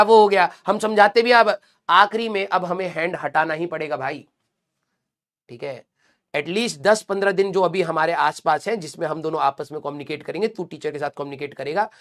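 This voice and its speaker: A man's voice: high-pitched, a bit bright. A male teacher giving a blunt, scolding pep talk to exam students in colloquial with English words.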